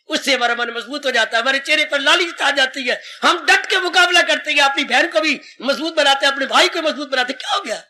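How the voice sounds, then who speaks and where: A man's voice: very high voice, sharp tone. An older man, a swami, giving a devotional sermon on the Gita, emphatic and repeating his key phrases. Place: satsang hall.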